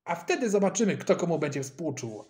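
A man voicing a scrappy schoolboy who is quick to fight, loud and mocking. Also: a little high, big pitch swings. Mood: taunting.

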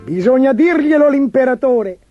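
A man voicing a shrill, panicky male court chancellor in a children's fairy tale, shrieking fretfully. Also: expressive, moderate pace, dull audio, over music. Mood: alarmed.

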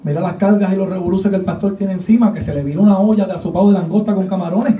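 A man from Puerto Rico with a Puerto Rican accent, preaching a sermon with animated, humorous storytelling. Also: sits high, rapid-fire. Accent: Puerto Rican Spanish. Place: large church hall. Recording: echoey church from a distant mic, dull lo-fi sound.

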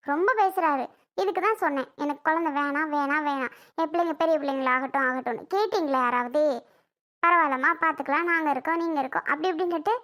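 A woman's voice: very high voice, a bit bright. A woman voicing a tired pregnant young wife who defends herself with whining complaints, in a family comedy skit.

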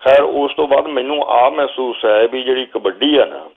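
An older Punjabi man, a guest telling a long story from memory at an unhurried pace, now and then quoting what he told the players. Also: mid-range voice, slightly rough. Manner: slow reminiscing storyteller, quotes himself calling instructions. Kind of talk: storytelling interview. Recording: phone-like narrow sound.

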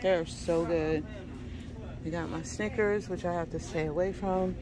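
A woman's voice: on the low side, steady tone, measured pace, crowd noise. A woman hosting a casual shopping vlog, chatting to viewers on a handheld camera. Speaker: vlog host. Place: shop aisles and parking lot outside. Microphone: handheld camera or phone. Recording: noisy on-the-go store recording. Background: clear store and street noise.

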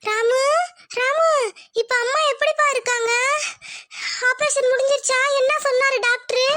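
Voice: extremely high pitch, flat delivery, normal speed, pushed and bright, dry recording. A performer voicing a caring middle-aged aunt in a cartoon who asks anxious questions and soothes her sister. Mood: worried. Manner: pleading, soothing. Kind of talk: Tamil cartoon voice acting.

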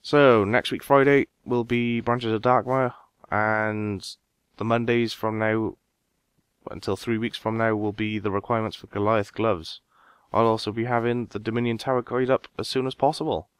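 A man with a smooth, resonant voice, recorded dry and close with no room sound. He walks viewers through a game quest step by step in a relaxed, casual voice-over. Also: on the low side, normal speed, dry recording. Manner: relaxed step-by-step instructions, talking straight to viewers. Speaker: game guide narrator.

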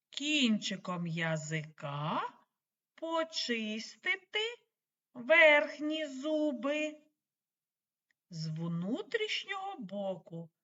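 Woman preschool teacher, slow and very sing-song, slightly raised pitch; careful articulation for small kids, dull lo-fi sound. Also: a bit bright. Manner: slow, exaggerated articulation, coaxing and praising. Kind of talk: speech lesson for small children. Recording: dull lo-fi recording.

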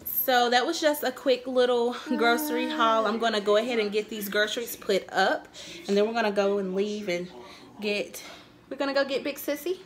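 A woman's voice: a little high, steady tone, normal speed, crowd noise. A young woman, chatting casually to viewers in her kitchen while showing off her groceries. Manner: chatty, addresses viewers as y'all and guys. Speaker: vlogger. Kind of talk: casual grocery haul vlog. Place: home kitchen, indoors.

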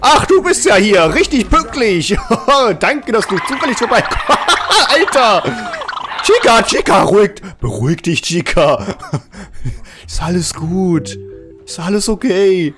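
Excitable German-speaking gamer man, high lively voice. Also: slow, music in the background. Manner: animated, jokey, often yelling and laughing at the game. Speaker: let's play host. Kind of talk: casual gaming commentary.

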